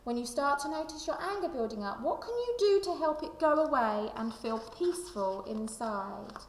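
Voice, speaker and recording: Slight background noise and long reverb surround a woman whose voice sits on the high side. She's a primary school teacher giving an expressive read-aloud of a children's book at a moderate pace, talking straight to young listeners and asking reflective questions.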